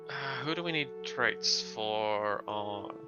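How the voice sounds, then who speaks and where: A man's voice: lowish voice, takes it slowly, highs cut off. A man chatting casually on a group livestream, repeating himself as he works out his thoughts. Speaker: tabletop player on a group livestream. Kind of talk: casual chat. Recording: background music behind voice. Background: music.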